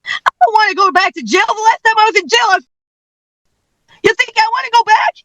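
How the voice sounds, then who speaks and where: A woman's voice: extremely high pitch, fairly quick, bright, forceful tone, dry recording, low-quality recording. A woman who is a defendant, pleading with the court in a distressed, defensive way.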